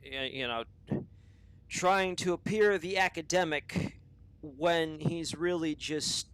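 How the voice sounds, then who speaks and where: A man's voice: on the high side, slow pace, a bit bright, clear, resonant tone, poor audio. Rambling, cursing male podcast host. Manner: rambling, profane, self-interrupting. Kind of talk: unscripted opinion monologue.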